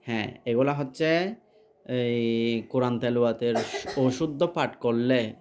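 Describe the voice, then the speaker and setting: A man's voice: mid-range voice, darkish tone. Patient man teaching recitation. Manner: patient, corrective, repeats phrases slowly for the pupil. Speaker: Quran and prayer teacher. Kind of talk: one-on-one recitation lesson.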